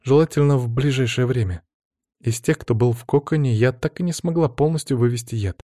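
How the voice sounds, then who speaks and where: A caring young healer woman, put on by a male reader, speaking in a soft, higher voice. The recording is close and dry. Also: fairly quick, dry recording, close to an everyday voice. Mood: concerned.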